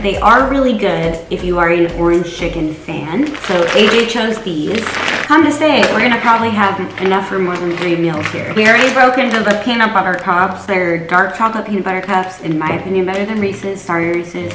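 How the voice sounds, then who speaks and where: A woman's voice: medium pitch, lively intonation, brisk, echoey room, far from the mic, noisy background. A woman in her thirties vlogging cheerfully from her car and her kitchen on a phone held at arm's length. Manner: upbeat, chatty, enthusiastic. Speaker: lifestyle vlogger. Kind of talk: casual vlog talk. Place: car, then home kitchen.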